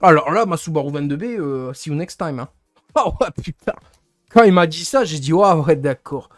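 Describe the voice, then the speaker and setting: A young man rants to his livestream chat about his frustrations, rambling and hunting for words as he goes. His voice sits a little high, the sound is dry and close, and faint music plays underneath. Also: lively intonation, normal speed, no room sound. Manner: rambling, gets annoyed, searches for words. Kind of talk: casual venting to stream chat.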